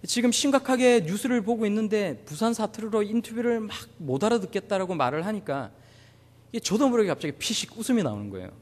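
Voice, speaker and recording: A man's voice: high-pitched, lively intonation, fast. Male pastor, Gyeongsang accent, sermon, humorous anecdotes, long hall reverb. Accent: Gyeongsang Korean. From Busan.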